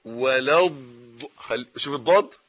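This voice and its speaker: A man with an Egyptian Arabic accent teaching Quran recitation, reciting slowly and then explaining corrections quickly. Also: mid-range voice, a bit bright, highs cut off.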